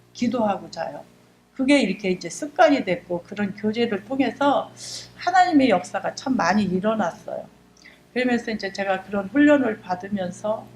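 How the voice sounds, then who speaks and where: A middle-aged woman, a church deaconess, giving an emotional, fervent testimony in a church service. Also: mid-range voice. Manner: emotional, fervent storytelling, acts out her own prayers. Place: church sanctuary. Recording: echoey church hall with faint hum.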